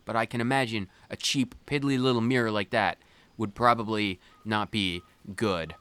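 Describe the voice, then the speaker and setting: A man's voice: fairly low pitch, fairly even intonation, normal speed, bright, forceful tone, clean tone. Joking man doing let's play commentary. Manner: joking, rambling, talks back to game characters. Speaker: gaming video host.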